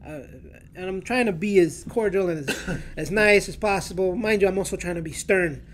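A man's voice: high-pitched, moderate pace, slight background noise. Profane New storyteller man. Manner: profane, animated storyteller who keeps tagging "right?". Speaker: podcast host. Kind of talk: casual storytelling.

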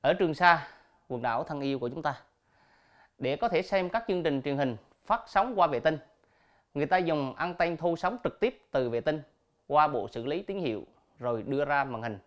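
A male teacher reading quiz questions and answer options aloud slowly and clearly, then explaining the answers. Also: on the high side, animated, fairly bright tone. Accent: Vietnamese. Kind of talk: recorded classroom quiz lesson.

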